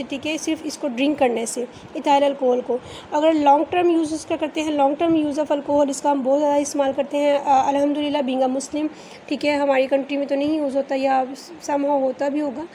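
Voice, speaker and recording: High-voiced Pakistani woman teaching chemistry. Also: dark tone, slight background noise. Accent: Pakistani Urdu. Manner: reads English lines slowly, then explains in Urdu; frequent fillers and "theek hai" check-ins. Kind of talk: recorded classroom lecture.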